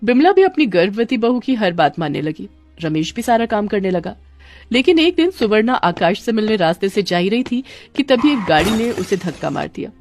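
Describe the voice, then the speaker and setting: A woman's voice: medium pitch, big pitch swings, moderate pace, a little mellow, no echo, faint music behind. A woman narrating a dramatic family story and voicing its characters.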